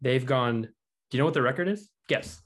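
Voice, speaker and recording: A man's voice: medium pitch, fairly quick, a bit bright. Brief: male podcast host, talkative, casual, stat-heavy delivery. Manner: chatty, reads out stats and quotes. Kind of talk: casual sports chat.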